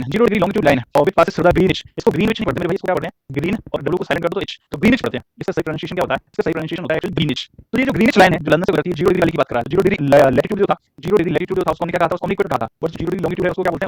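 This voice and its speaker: Man, classroom teacher, fast-talking, repeats answers for note-taking, dry close sound. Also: on the high side, no echo, poor audio. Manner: quizzes listeners with repeated questions; drawls out English question phrases. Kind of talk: classroom geography lesson.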